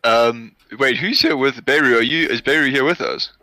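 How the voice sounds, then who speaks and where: A man chatting excitedly as a player in a tabletop role-playing game, often giggling. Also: medium pitch, moderate pace. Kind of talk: casual tabletop game chat.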